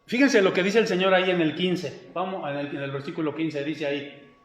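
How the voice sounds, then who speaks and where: A high-pitched man preaches to his congregation, stopping often to quiz the listeners. His voice carries through a reverberant church hall with a long echo tail. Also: a little fast. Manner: keeps quizzing the congregation. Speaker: pastor. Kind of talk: sermon.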